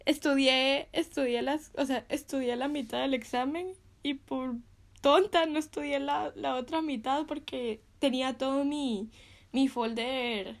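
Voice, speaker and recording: A woman's voice: sits high, steady tone, unhurried. A young woman sharing a casual devotional talk, chatty and full of fillers, often laughing between phrases.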